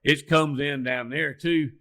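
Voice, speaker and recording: Older Southern man with a bright folksy drawl. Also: fairly high pitch, steady tone, a little slow, vocal fry. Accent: Southern US, Alabama. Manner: folksy drawl, plainspoken storyteller. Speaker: guest, turkey hunter. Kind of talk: storytelling in casual interview.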